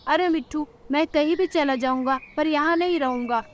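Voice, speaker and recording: A woman's voice: high voice, moderate pace, lightly acted. Woman voicing a weary old father crow. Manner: tired, resigned.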